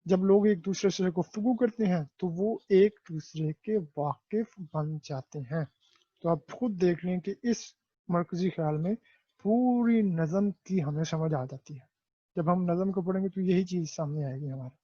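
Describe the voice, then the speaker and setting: High-voiced teacher drilling pronunciation. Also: male voice, dark tone, no room sound, highs cut off. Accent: Pakistani Urdu. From Pakistan. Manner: repeats words slowly to drill pronunciation; asks and answers his own questions. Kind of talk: classroom lesson explaining a textbook exercise.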